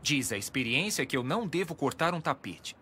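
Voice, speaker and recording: An actor playing an awkward teenage fast-food worker in an animated series dub, sarcastic and hesitant. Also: male voice, fairly high pitch, slight background noise. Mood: sheepish.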